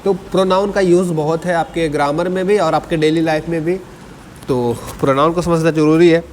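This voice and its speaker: Male exam-prep teacher, somewhat high voice, long reverb, faint ambience; dictates definitions slowly. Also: a little hiss or hum. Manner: mixes Hindi explanation with slowly dictated English definitions; keeps asking students to answer and checks with "ठीक है". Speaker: English teacher. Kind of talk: entrance exam lesson.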